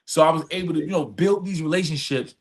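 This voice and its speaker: A male podcast guest who champions community service reflects on his personal experiences in a conversational interview. His voice is a little high and his pace quick, and he speaks earnestly and emphatically, repeating phrases and often adding "right?".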